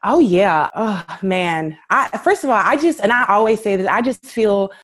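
Brief: woman podcast guest, animated storyteller, close dry mic, mid-range pitch. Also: moderate pace, no echo. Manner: animated, acts out quoted voices, frequent "like" and "you know". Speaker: podcast guest, photographer and nonprofit founder. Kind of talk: candid conversational storytelling.

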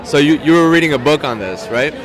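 A man's voice: a little high, animated, a little fast. Guy hosting a chill podcast at a bar, keeps restarting, lots of crowd chatter around. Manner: hesitant, restarts often, laughs a lot. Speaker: podcast host. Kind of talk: casual chat. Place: outdoor market bar, crowded. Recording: loud crowd noise around.

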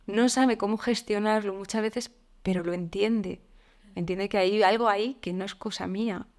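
A woman, a podcast guest talking openly and reflectively, with frequent fillers and soft laughs. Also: medium pitch, fairly even intonation, normal speed. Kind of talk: candid conversational interview.

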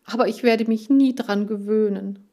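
An agitated young girl in an audiobook, as a woman reader puts her on. Her voice rides high and pushes hard, pleading and tearful. The lines come out strained and urgent. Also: steady tone, moderate pace, mellow, lightly acted. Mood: distressed. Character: upset, tearful girl caring for farm animals.

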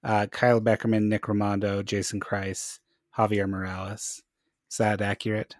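A man's voice: on the low side, flat delivery, moderate pace, dry recording, studio quality. A man hosting a casual podcast chat, playful and jokey as he steers the topics. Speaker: podcast host.

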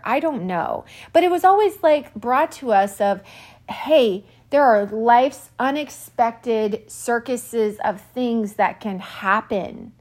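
A woman in her forties hosting a podcast, telling a personal story in a quick, animated, self-mocking way, a little out of breath. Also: mid-range voice. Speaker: podcast host. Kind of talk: personal monologue.

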